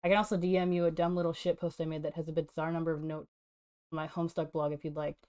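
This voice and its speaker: A woman's voice: low-pitched, little pitch movement, quick pace, a little mellow, clear, resonant tone, no room sound, studio quality. A young woman streaming from her room, chatting casually with viewers and swearing a lot while she draws. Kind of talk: casual live-stream chat while drawing. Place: home room. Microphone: desk microphone.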